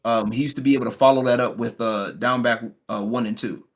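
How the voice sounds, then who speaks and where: A man's voice: mid-range voice, fairly even intonation, a little fast, slight background noise. A man from Texas with an American accent, chatting casually in a hesitant, repetitive way. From Texas, United States. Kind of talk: casual chat.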